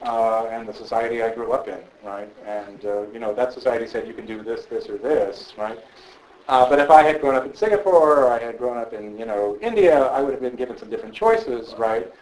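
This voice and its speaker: A man, a philosopher, answering audience questions in a thoughtful, conversational way, often checking in with a quick "right?". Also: mid-range voice, a little mellow, slight background noise, rough recording. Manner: thoughtful, frequent "right?" tags. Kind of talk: conversational public Q&A.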